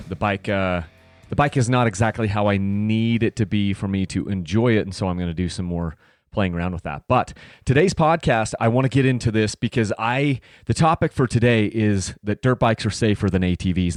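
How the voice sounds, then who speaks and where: Low-voiced man in his thirties hosting a podcast. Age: 30s. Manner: rambling, many fillers and restarts. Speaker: podcast host. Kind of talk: casual solo podcast talk.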